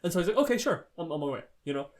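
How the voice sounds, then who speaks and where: A podcast co-host with a slightly high voice races through a story, retelling it animatedly in casual chat. He swears heavily throughout.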